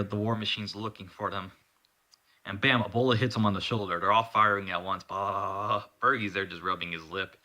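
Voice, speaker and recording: Casual, profane male storyteller who rambles and corrects himself, with a low voice and a bright, forceful tone. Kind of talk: casual improvised story narration.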